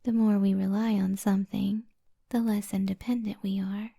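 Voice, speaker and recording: A woman with a medium-pitched, husky voice and vocal fry plays a kind, flirty witch healer in an ASMR roleplay. She speaks softly in a half-whisper, slow and soothing, with gentle teasing.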